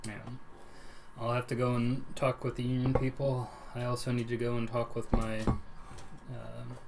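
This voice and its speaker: A man's voice: mid-range voice, monotone, unhurried, loud music behind the voice. A man talking casually and hesitantly as a player in a tabletop game. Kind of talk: casual chat. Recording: clearly noisy room recording.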